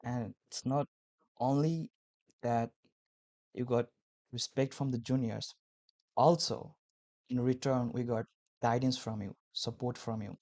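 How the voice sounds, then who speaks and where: A man's voice: mid-range voice, fairly even intonation, measured pace, pauses often, a little mellow, no echo. A man from Nepal, hosting a casual interview podcast in a friendly, complimentary way. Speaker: podcast host.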